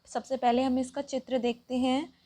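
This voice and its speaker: A woman's voice: sits high, flat delivery, normal speed, warm tone. A woman teacher explaining a worksheet lesson to children, patient and step by step.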